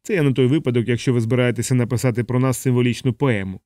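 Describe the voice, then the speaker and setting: A man voicing a sardonic young bomber captain in a hospital bed, speaking in a deadpan, mocking way. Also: mid-range voice, rapid-fire, dry recording, studio quality, natural voice.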